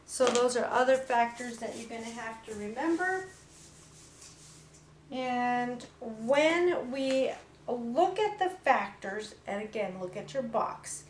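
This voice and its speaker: Woman, lecturer, unhurried, lots of ums and uhs, roomy echo, faint background hum. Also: on the high side. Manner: slow, halting explanation with many fillers. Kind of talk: recorded classroom lecture.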